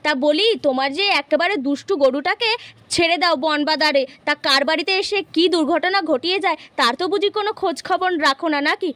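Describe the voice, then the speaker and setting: A woman's voice: extremely high pitch, quick pace, fairly bright tone, dry recording. A woman voicing a stern village mother in a toy-house puppet play, scolding her neighbour insistently. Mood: mocking. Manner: scolding, insistent, repeats words.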